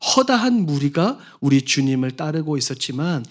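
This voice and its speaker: A man preaching a sermon as a pastor, full of passion, swinging from soft to loud and acting out the voices of doubters. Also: a little high, sing-song, normal speed. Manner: acts out quoted voices of doubters.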